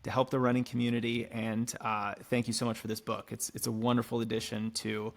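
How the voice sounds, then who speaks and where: A man's voice: mid-range voice, level tone, a little fast, gravelly. A man hosting a podcast, speaking in a casual interview style. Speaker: podcast host.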